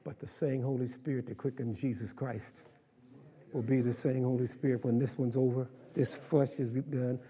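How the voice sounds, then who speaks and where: An older pastor preaches to his congregation, coaxing replies from the pews and then rising into ringing exclamations. His voice sits at an ordinary male pitch. A long reverb from the church hall trails after every phrase. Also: steady tone, normal speed, warm tone. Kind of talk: sermon.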